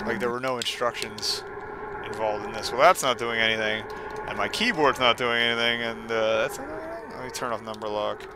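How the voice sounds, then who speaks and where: A man hosts a gaming stream, blending casual commentary with mock-dramatic reading and sarcastic, self-deprecating asides. His medium-pitched voice is brisk, and the recording is very noisy.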